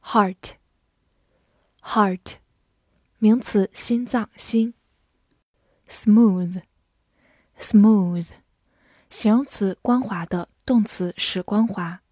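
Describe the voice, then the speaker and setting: A young woman teaching vocabulary in a recorded lesson, saying each English word twice clearly, then giving brisk explanations. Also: medium pitch, dark tone, no echo, clean studio sound.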